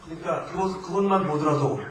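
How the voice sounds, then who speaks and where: A man's voice: a little high, fairly quick. Korean man preaching in an echoey church. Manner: emphatic, swings between loud exhortation and quiet asides. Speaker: missionary preacher. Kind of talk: sermon. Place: church sanctuary. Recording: echoey church hall from far off, faint noise.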